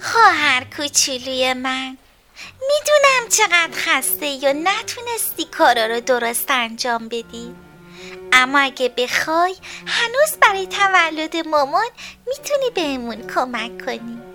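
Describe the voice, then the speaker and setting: A kind big-sister kitten from a children's storybook. Her voice sits very high and bright, with a lively lilt. She speaks slowly and sweetly. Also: soft background music, exaggerated voice.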